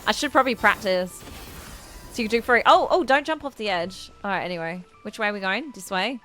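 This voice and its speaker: A woman livestreams a game, chatting casually and reacting to what she plays with gushing giggles. Her mid-range voice is fairly quick and a bit bright, and faint music plays in the background.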